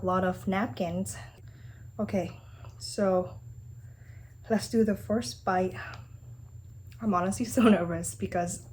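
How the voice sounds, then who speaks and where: A woman with a medium-pitched voice talks casually to her viewers during a food challenge. She comes across as exasperated and self-questioning. There is noticeable room noise behind her. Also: a little mellow, low-quality recording. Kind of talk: casual chat to viewers while eating.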